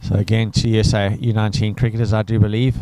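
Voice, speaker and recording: Male cricket commentator, low mellow voice, dry close sound, rambling and chatty. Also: little pitch movement, fast talker, no room sound, rough recording. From South Africa. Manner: chatty, rambling, enthusiastic asides. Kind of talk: live sports commentary.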